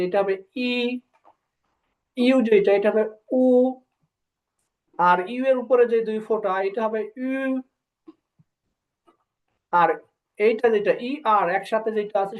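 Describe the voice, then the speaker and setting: A Bengali-speaking woman teaching a language lesson, often pausing with filler sounds and slowly drilling syllables one by one. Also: medium pitch. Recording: dull lo-fi recording.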